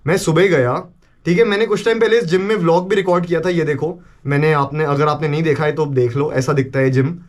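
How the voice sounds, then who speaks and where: A young man vlogging casually, retelling a story in an animated way and mixing in English phrases and swearing. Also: a little high, fast talker.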